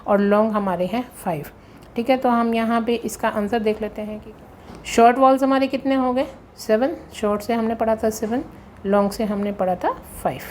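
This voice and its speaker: A woman's voice: a little high, normal speed, darkish tone. A woman teacher works through exam questions at a patient pace, repeating key points and reading out the terms. There is a faint hum under the recording. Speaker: English grammar teacher. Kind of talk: exam-prep lesson explaining questions.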